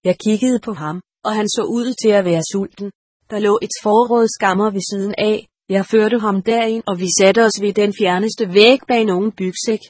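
A woman narrating a first-person audiobook in a steady, measured way. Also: mid-range voice, slightly rough, no room sound, clean studio sound.

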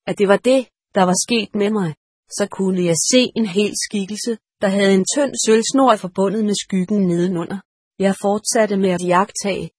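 A woman reading an audiobook in a calm, measured storytelling manner, close to the mic. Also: mid-range voice, husky, dry recording. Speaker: audiobook narrator. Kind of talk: scripted narration.

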